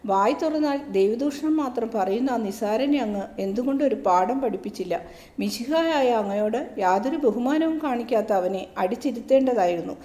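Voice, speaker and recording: A woman's voice: on the high side, lively intonation, normal speed, dark tone, roomy sound, close to an everyday voice. A woman voicing an angry, hot-headed male disciple who speaks in an indignant, complaining way.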